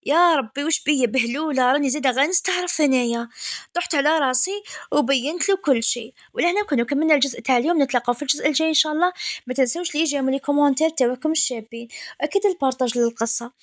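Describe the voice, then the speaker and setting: A woman with an Algerian Arabic accent narrating a first-person story in a soft, intimate way. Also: high-pitched, rapid-fire, no echo, clean studio sound.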